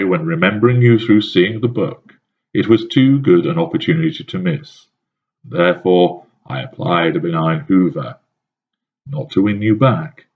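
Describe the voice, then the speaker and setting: A man reading a scripted first-person narration in a cold, calculating, measured manner. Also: low-pitched. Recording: dull lo-fi recording.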